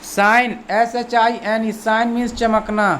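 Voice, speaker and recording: This English teacher, medium-pitched with a level, fairly bright tone, speaks unhurriedly while explaining a language lesson in Hindi. Words get spelled letter by letter, repeated and defined, and the teacher often asks "theek hai" in a patient, repetitive way. There's slight background noise.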